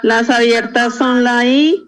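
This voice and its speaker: A woman's voice: fairly high pitch, fairly even intonation, slow, faint music behind. Hesitant young female student on a call. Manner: hesitant, unsure. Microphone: video call.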